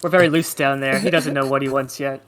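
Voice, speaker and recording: A man playing a tabletop game, chatting casually and playfully in halting phrases. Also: mid-range voice, fairly even intonation, fairly bright tone, faint music behind.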